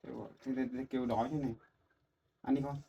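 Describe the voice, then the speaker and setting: A man talking gently and in a fatherly way, coaxing children outdoors by a mountain stream. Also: mid-range voice, flat delivery, fast, gravelly. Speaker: vlogger. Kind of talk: casual vlog talk. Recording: dull lo-fi sound with faint noise.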